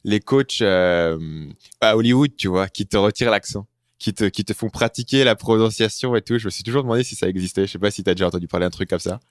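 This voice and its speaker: A man's voice: on the low side, quick pace, dry recording, studio quality. A French man hosting a podcast, asking casual, curious questions in a conversational interview. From France. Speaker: podcast host.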